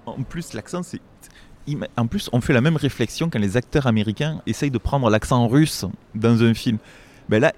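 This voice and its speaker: A man's voice: mid-range voice, a little mellow. A man hosting a film review show, chatting casually in an indignant, rambling way with many restarts. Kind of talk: casual chat.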